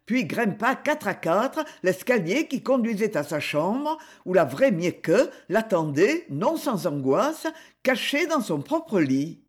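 A woman narrates a story aloud in a measured, expressive voice. Her pitch moves a lot, giving the reading a lively shape. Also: slightly rough. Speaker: audiobook narrator. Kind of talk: audiobook narration.

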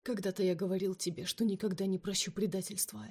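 A woman's voice: medium pitch, flat delivery, fast, warm tone, husky. Woman reading a cruel jealous man, cold, cutting, hissed, audiobook.

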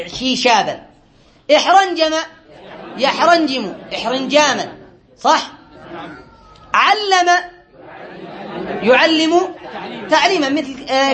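A man's voice: very high voice, fairly bright tone. A man teaching a class, going over quiz answers patiently and asking often whether everyone follows, with a light touch. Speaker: teacher of Arabic grammar. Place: classroom with a board.

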